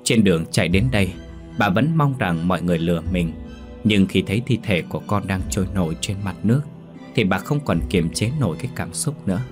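Deep-voiced man narrating a ghost story. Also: lively intonation, a little fast, over music.

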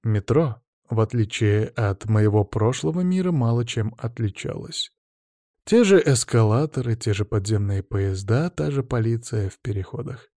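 A man narrating an audiobook in first person, in a steady, matter-of-fact way. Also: mid-range voice, moderate pace, no room sound, clean studio sound.

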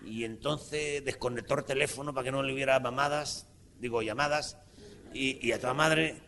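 Un humorista mexicano que cuenta un chiste largo en un espectáculo en vivo, con muchas groserías y energía. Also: male voice, mid-range voice, moderate pace, gravelly, a little hiss or hum. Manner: profane, rowdy, animated. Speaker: stand-up comedian. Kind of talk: crude live stand-up storytelling.

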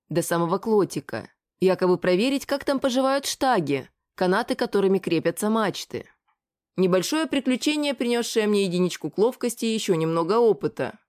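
A woman's voice: medium pitch, darkish tone. Woman narrating an audiobook. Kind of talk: scripted narration.

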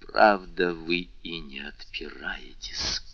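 Icy prosecutor, low slow measured delivery, bright hard edge, dry dull recording, man voicing. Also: gravelly, breathy edge, dry recording, full character voice. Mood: cold. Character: cold stern royal prosecutor, middle-aged man.

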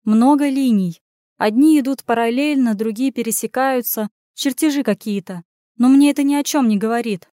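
A woman's voice: a little high, normal speed, warm tone, dry recording, clean studio sound, close to an everyday voice. A woman voicing a young runaway witch in an audiobook, pleading and sarcastic by turns. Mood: snappish. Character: young runaway witch girl, frantic and snappish. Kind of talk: audiobook character voice.

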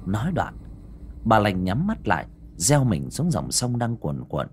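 A man's voice: fairly low pitch, huge pitch swings, unhurried, a little mellow, slight background noise. A man narrating a village horror story in a dramatic, ominous way.

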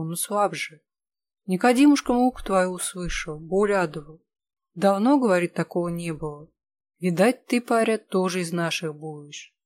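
A narrator voicing a sturdy old man who speaks in a rumbling, sympathetic, folksy way. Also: natural voice. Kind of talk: audiobook character voice.

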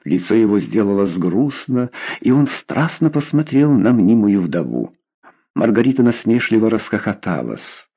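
A man narrating a historical novel aloud, with expressive, theatrical reading. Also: on the low side, moderate pace, husky.

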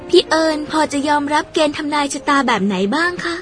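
A woman voicing a chatty, spirited young woman in an audio drama. She talks in a lively, polite, gossipy way and is quick to get indignant. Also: sits high, faint music behind.

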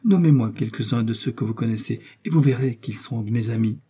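Brief: earnest young novice, emphatic, dark breathy timbre, played by a man. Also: medium pitch, brisk. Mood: eager. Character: earnest, trusting young woman, a novice in a convent.

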